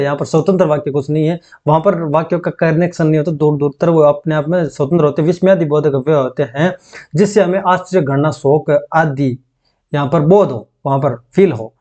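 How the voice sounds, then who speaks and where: Man, slightly high voice, teacher dictating grammar notes, slow and repetitive, checks in with students often. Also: a little mellow, muffled recording. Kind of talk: exam-prep grammar lesson.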